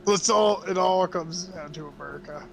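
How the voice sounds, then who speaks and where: A man's voice: high-pitched, moderate pace, gravelly, very noisy. A man joking and teasing in a casual group voice chat while gaming. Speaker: gamer on voice chat.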